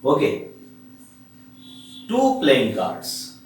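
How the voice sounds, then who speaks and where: A man's voice: mid-range voice, wildly swooping pitch, drawn-out words. A man with an Indian accent teaching a maths lesson step by step, repeating himself and posing questions that he answers himself. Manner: repetitive, poses questions and answers them himself. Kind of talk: classroom lesson, explaining step by step. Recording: echoey room, distant mic, faint noise.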